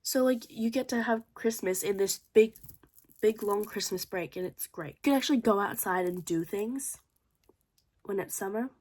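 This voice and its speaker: A woman's voice: mid-range voice, moderate pace, a little mellow. A young Australian woman vlogging in a loose, rambling chat, her accent swinging between Australian and American. She sounds a little congested and fills her talk with "like", sometimes dropping into a whisper. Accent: mix of Australian and American. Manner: rambling, many "like" fillers, drops into whispers. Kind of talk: casual chat to camera.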